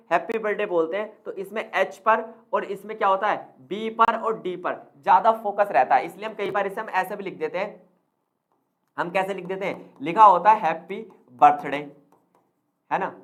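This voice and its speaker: A man tutoring for an exam in an explanatory lecture, who keeps asking the viewers questions, answers them himself and mixes in English terms. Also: high-pitched. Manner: addresses the viewers as friends.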